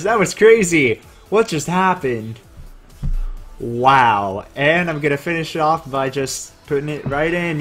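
An excitable young man streams a game, his voice sitting a little high and his words coming slowly and drawn out. He thanks viewers and reads chat out loud, with faint game music running behind him. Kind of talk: casual live-stream commentary.

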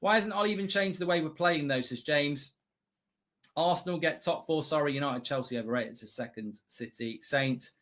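A man's voice: a little high, normal speed, fairly bright tone. A middle-aged man hosting a live football watchalong, commenting as a blunt, exasperated, sweary fan. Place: indoor streaming studio.

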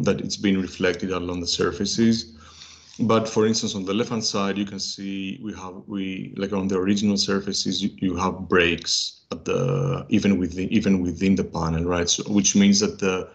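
Halting low-voiced man explaining surfaces. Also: level tone, highs cut off. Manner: halting, many fillers and restarts. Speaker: workshop speaker. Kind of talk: technical presentation. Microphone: video call.

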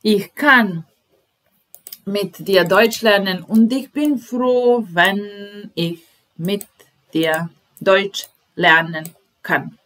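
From a small room, a German teacher in her thirties addresses her webcam in a medium-pitched, fairly bright voice. She draws out her words and leaves long pauses, patiently repeating phrases word by word in a slow, explanatory lesson.

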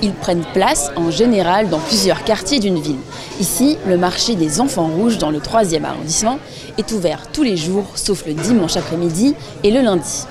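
A young woman presenting and interviewing with a clear, friendly delivery, recorded outdoors on a handheld mic. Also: lowish voice, expressive, normal speed, music in the background, a crowd in the background. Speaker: host and street interviewer. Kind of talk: scripted presenting and street interviews.

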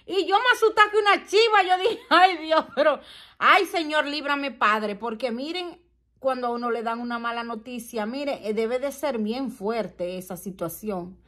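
Vlogger, young woman, high voice, dramatic storyteller. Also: normal speed, pushed and bright. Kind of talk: casual storytelling to viewers.

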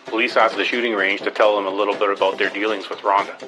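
A man reading scripted true-crime narration in a flat, steady voice. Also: on the low side, fast, music in the background, rough recording. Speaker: documentary narrator.

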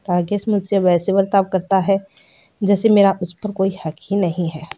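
A woman's voice: mid-range voice, level tone, moderate pace, a little hiss or hum, close to an everyday voice. A woman voicing a lonely, tearful young housewife who speaks in a sad, complaining tone. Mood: troubled. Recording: dull lo-fi recording.

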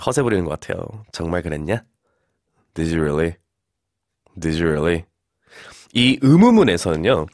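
A man teaching English on air, explaining pronunciation and modelling slow English phrases. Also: mid-range voice, no room sound, studio quality. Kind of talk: radio English lesson.

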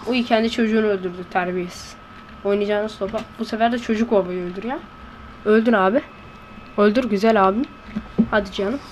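A woman giving let's-play commentary in a hushed voice, blurting excitable reactions and slang while playing. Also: mid-range voice, brisk, long pauses, slight background noise. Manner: talking in a hushed voice. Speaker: gameplay commentator. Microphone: close to a desk microphone.

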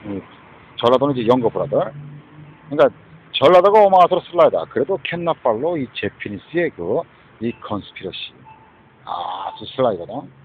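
A man's voice: medium pitch, sing-song, moderate pace, a little hiss or hum. A man ranting in a rambling, agitated monologue, often breaking off to prompt with a questioning "huh?" and mixing in English phrases, recorded outdoors. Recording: dull lo-fi recording.

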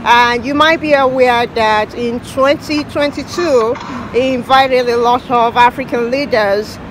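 A woman's voice: a little high, fairly even intonation, measured pace. A middle-aged woman hosting a news wrap and interview outdoors in a city park, speaking with frequent hesitations and fillers. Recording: outdoor park with crowd and traffic noise.

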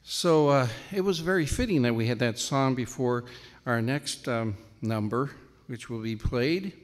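A man announcing the next piece at a church service, halting and full of fillers. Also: medium pitch. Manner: halting, with many fillers and restarts. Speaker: program announcer. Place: church hall. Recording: long hall reverb.

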